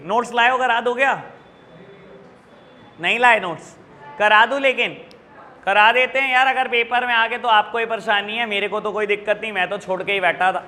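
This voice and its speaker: A man's voice: high voice, pushed and bright, in a large hall. A male teacher with an Indian accent lecturing a class, often calling students "beta" and checking in with "theek hai na". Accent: Indian English. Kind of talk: classroom lecture explaining exam questions.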